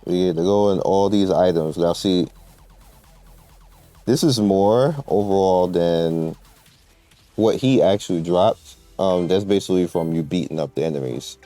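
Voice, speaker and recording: Soft music plays behind a man whose deep, warm voice moves at a measured pace as he presents a game guide. His commentary is informal and rambling, full of slang as he walks viewers through the gameplay.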